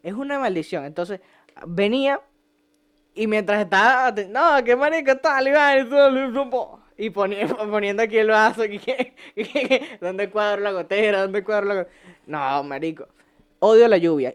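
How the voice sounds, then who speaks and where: A young Venezuelan man hosts a casual podcast from a home set, his high-pitched voice clean in tone and moving at a moderate pace. He tells stories full of swearing and jokes and laughs often.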